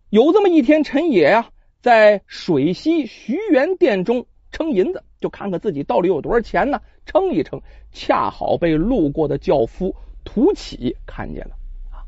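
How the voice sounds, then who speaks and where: Animated male storyteller. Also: high-pitched, no echo, dull audio. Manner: animated, chatty asides to listeners. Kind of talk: traditional Chinese storytelling.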